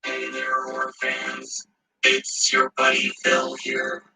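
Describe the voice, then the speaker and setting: A man's voice: medium pitch, completely flat delivery, takes it slowly, pushed and bright, breathy edge, faint music behind, low-quality recording. Man's intro run through voice effects. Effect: phone voice-changer app effects. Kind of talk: repeating a recorded show intro through voice effects.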